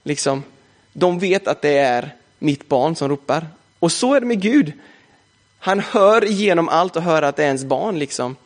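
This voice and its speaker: A man's voice: fairly high pitch, expressive. A young man preaching a sermon in a casual, chatty way, often adding "liksom" as a filler.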